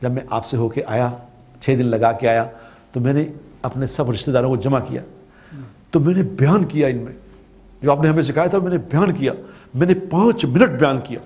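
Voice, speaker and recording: A man's voice: medium pitch, darkish tone. A man from Pakistan giving a religious talk, telling a story with repeated phrases for emphasis. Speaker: preacher.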